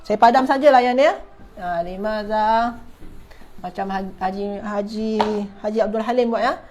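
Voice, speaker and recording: A woman with a Malaysian Malay accent teaching an Arabic class online, saying example phrases slowly and repeating them while quizzing her students. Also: medium pitch, background noise.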